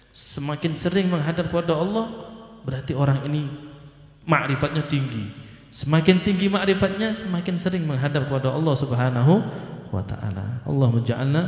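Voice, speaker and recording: Preacher in an echoey hall. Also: male voice, on the high side, darkish tone. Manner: reads Arabic phrase by phrase, then explains slowly; sometimes chants the Arabic in a sing-song tone. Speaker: ustadz teaching a classical text. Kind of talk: Ramadan study sermon, reading Arabic and translating. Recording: echoey hall with long reverb.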